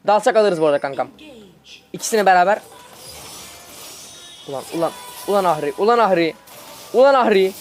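Fast-talking excited young male gamer. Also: high voice. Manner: excitable, chatty, teasing teammates. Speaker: gaming video host. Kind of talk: excited live gameplay commentary.

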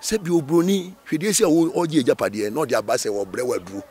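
A man from Ghana, a Rastafarian being interviewed, talking in an animated, emphatic way with many repetitions. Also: medium pitch, very fast. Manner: animated, emphatic, with repetitions and sudden sung phrases. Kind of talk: casual interview talk.

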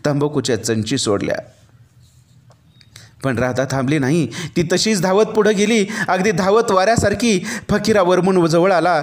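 Guy reading a village novel out loud, kinda high voice, very expressive. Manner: expressive storytelling. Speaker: audiobook narrator.

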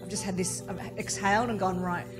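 A woman in her forties from Vietnam, raised in Australia, chatting as a guest journalist in a casual, self-mocking way, laughing often, into a studio boom mic. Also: steady tone, fairly quick, music in the background. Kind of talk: casual interview chat. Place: studio with neon-lit backdrop. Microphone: studio mic on boom arm.

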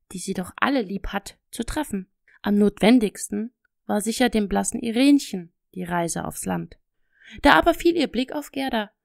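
A woman narrating a children's storybook audiobook in a gentle, lively storytelling manner, close to the microphone. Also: medium pitch, gravelly, no echo.

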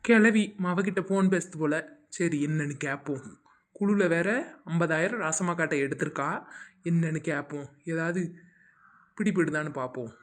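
A woman's voice: low-pitched, moderate pace, close to an everyday voice. A woman playing a shrewd daughter-in-law, muttering and taunting. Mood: suspicious.

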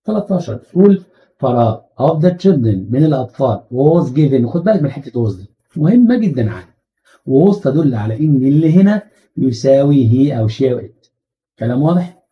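Male English teacher, Egyptian Arabic accent, medium voice, lo-fi recording, animated and full of rhetorical questions. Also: medium pitch, brisk. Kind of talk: exam-prep grammar lesson.

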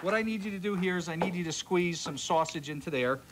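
A man's voice: high voice, quick pace, a loud crowd, heavy background noise. A man hosting a live TV cooking segment, joking with his co-host while giving instructions. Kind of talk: live TV cooking demo banter.

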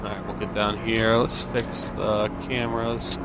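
A gamer offers casual commentary while playing a video game, thinking aloud and posing questions to himself. His voice is on the low side with little pitch movement and an unhurried pace. The recording is very noisy.

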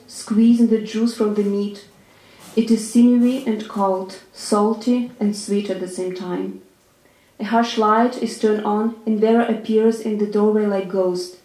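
A woman's voice: medium pitch, warm tone. Woman reading her prose. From Ukraine. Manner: measured, deliberate reading. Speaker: writer. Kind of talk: literary reading. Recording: roomy echo.

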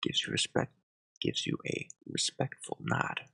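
A soft-spoken ASMR host in close-mic whispers, reading satirical headlines and adding dry deadpan asides. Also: measured pace, poor audio. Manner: reads headlines, then adds wry deadpan asides.

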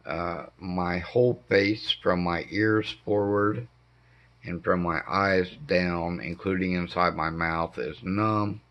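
A middle-aged man with a hoarse voice impaired by throat cancer treatment, giving a halting, casual update at home with many pauses. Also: sits low, steady tone. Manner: slow, halting delivery with frequent ums. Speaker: homestead vlogger. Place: dim living room indoors. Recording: dull lo-fi camera audio.

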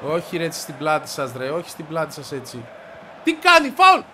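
A man with a stuffy, congested voice giving excited commentary as he plays a football video game, shouting and grumbling at the match. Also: fairly high pitch, slight background noise. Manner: shouts and yelps at the game, frustrated outbursts. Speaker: gaming video creator.

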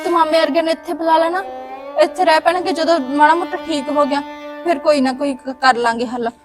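Actress as a young village daughter-in-law, Malwai Punjabi accent, high bright voice, teasing but caring. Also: female voice, fairly even intonation, a little fast, music in the background, lightly acted. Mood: reassuring. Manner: teasing then reassuring. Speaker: actor in a village short film. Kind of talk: village family drama.

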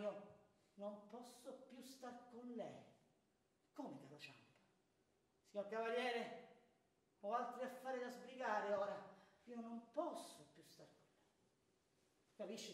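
An amateur stage actor playing Ciampa, a bitter, proud, wronged middle-aged clerk, swinging from hushed to shouting, recorded from afar on an echoey stage. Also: male voice, very high-pitched, distant mic. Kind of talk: stage theatre performance. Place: theatre stage. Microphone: distant room mic.

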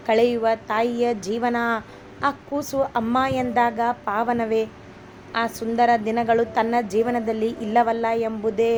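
A woman's voice: a little high, darkish tone, a little hiss or hum. A woman reading a family love story aloud as a storyteller, evenly voicing each character herself. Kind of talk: scripted story narration.

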